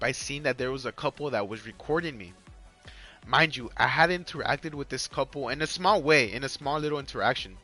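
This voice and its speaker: A young man with a Mexican accent and a sharp, medium-pitched voice chats casually to viewers while gaming on a live stream. He rambles and repeats himself, full of "like" and "you guys," with faint music underneath.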